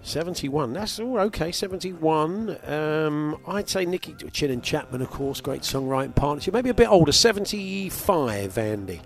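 A man's voice: on the high side, animated, moderate pace, few pauses, faint music behind. A man hosting a casual game with friends, calling out guesses and scores in a mock-dramatic bingo-caller manner. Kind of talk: casual radio game banter.

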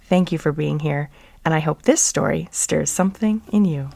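Female narrator for romance audio fiction: deep voice, deliberate reading with playful emphasis, dry close sound. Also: vocal fry, warm tone, no room sound. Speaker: podcast host and story narrator. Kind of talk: scripted romance story narration.

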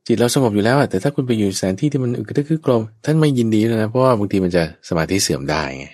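A man's voice: on the low side, very animated, racing, darkish tone, dry recording, studio quality. A man, a Buddhist monk teacher, explains the teaching patiently and keeps checking that his listener understands. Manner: acts out others' speech in a raised voice. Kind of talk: dhamma teaching dialogue.

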